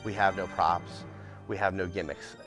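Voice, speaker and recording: Over music, a ghost tour owner and guide in middle age speaks at a normal pace in a low voice with fairly even intonation. Unscripted and matter-of-fact, he chats in an interview about being a tour guide.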